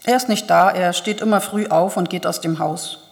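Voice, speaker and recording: A woman's voice: lowish voice, moderate pace, creaky. A woman reading the lines of an eager young male student who earnestly explains. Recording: long hall reverb.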